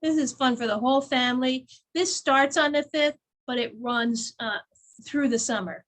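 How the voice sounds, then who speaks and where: A woman's voice: high-pitched, normal speed, fairly bright tone. A woman co-hosting a casual local events chat, talking easily, laughing often and reading out event blurbs. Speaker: chamber of commerce co-host.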